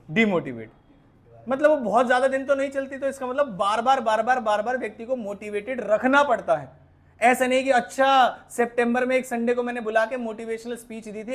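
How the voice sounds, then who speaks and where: A man with a high-pitched voice teaches a class, often stopping to ask his students whether they follow. He drops English terms into his explanations and tells stories from his own life as examples. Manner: asks the class questions and repeats points; tells personal anecdotes as examples. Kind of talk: classroom lecture.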